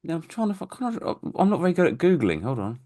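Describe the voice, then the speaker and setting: A man's voice: a little high, very animated, fast, warm tone, dry recording, clean studio sound. A man co-hosting a casual podcast, jokey and a bit fumbling as he chats. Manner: jokey, fumbling, easily flustered. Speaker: podcast co-host.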